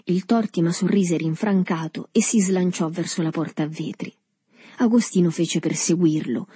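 Brief: husky female narrator, calm and measured, dry close sound. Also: on the low side, no echo. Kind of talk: audiobook reading of a novel.

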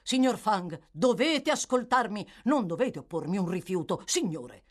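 A woman reading aloud, voicing an agitated male bookseller who shouts insistently, out of breath, in an audiobook. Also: a little high, sing-song, moderate pace, pitched above the performer's own voice.

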